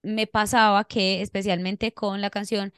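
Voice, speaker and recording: A woman's voice: medium pitch, little pitch movement, unhurried, a bit bright, clean tone, no room sound, clean studio sound. A young woman with a Colombian accent, chatting casually as a podcast co-host, rambling and laughing as she tells stories. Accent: Colombian Spanish. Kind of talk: casual chat.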